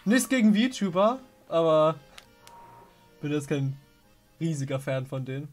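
A woman's voice: deep voice, sing-song, a little slow, darkish tone, faint music behind. A woman giving playful, informal commentary as she plays a video game. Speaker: gaming video creator. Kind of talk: casual let's play commentary.

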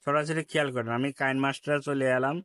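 A man's voice: mid-range voice, level tone, very fast, fairly bright tone. A man with a Bangladeshi Bengali accent giving a step-by-step app tutorial, repeating each instruction and politely addressing viewers. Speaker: tech tutorial host. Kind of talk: screen-recorded app tutorial.

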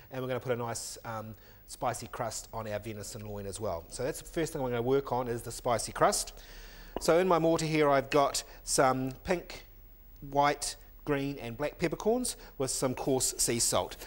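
A middle-aged man, a chef demonstrating a recipe in a teaching kitchen, explaining each step steadily as he works, with the odd "um". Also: medium pitch. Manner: steady step-by-step explaining while working, with filler ums. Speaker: chef and cooking instructor. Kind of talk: cooking demonstration.

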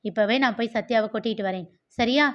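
A woman's voice: fairly high pitch, fairly quick, lightly acted. A guilty, weary young man, put on by a woman reader speaks in a subdued, sorrowful tone. The sound is dull and lo-fi. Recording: dull lo-fi recording.

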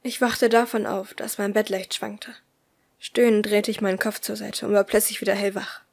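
A woman reading a first-person audiobook aloud in a soft, often hushed voice. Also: medium pitch, little pitch movement, moderate pace, creaky. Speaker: audiobook reader.

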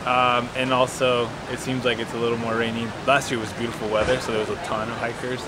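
A young man, a trail runner, answering interview questions outdoors in a relaxed, soft-spoken way. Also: mid-range voice, quick pace, noisy background. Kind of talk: post-race interview. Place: outdoors in a forest by a race course.

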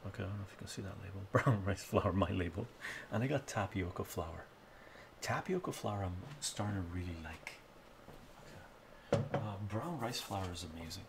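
A middle-aged cooking streamer chats casually with viewers while cooking in his home kitchen, often asking "right?". His voice is low and creaky, and he moves toward and away from a fixed camera mic. Heavy background noise fills the recording.

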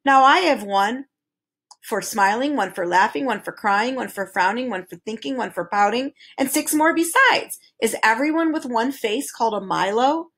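A fussy, know-it-all creature with twelve faces, voiced by a woman reading a storybook aloud. He lectures and scolds in a high, emphatic voice. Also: lively intonation, moderate pace, fairly bright tone, breathy edge, heavily acted. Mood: lecturing. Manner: lecturing, pedantic, exclamatory. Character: fussy precise male twelve-faced creature.

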